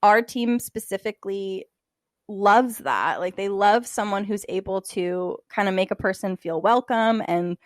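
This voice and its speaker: A young woman co-hosting a casual podcast, chatting in an animated way and saying "like" a lot. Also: mid-range voice, measured pace, no echo, clean studio sound. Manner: animated, filler-heavy, lots of "like". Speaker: podcast co-host.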